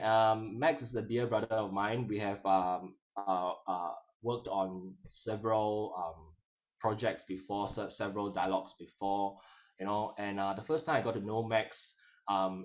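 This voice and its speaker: A man introducing a guest speaker in a hesitant way, with many fillers. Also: on the low side. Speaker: event host. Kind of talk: casual introduction.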